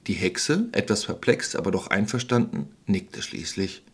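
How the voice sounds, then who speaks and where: A man's voice: low-pitched, lively intonation, normal speed, husky. A man narrating a playful, wry fairy-tale parody in scripted storybook style.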